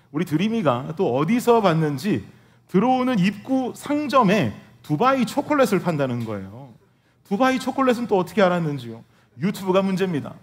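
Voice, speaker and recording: A male pastor preaching a sermon, telling a humorous family story and speaking directly to his congregation. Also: high-pitched. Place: church sanctuary.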